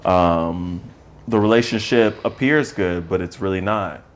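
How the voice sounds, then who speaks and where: A man with a low, unhurried voice, chatting on a relationship podcast. He lays out his thoughts in a relaxed, low-key way, circling back as he talks. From Atlanta, USA. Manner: laid-back, low-key advice giving. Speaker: podcast co-host. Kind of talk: casual chat.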